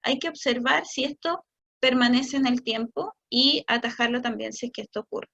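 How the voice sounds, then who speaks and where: A Chilean woman speech therapist giving a talk to parents, explaining patiently and stretching words out slowly to demonstrate them. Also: on the high side, creaky, fairly bright tone, highs cut off. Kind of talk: online talk for parents answering questions.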